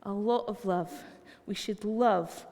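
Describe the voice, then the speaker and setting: In a church hall with long reverb, a Scottish woman delivers a sermon as conversational, anecdotal storytelling. She speaks slowly at medium pitch, with vocal fry and a dark tone.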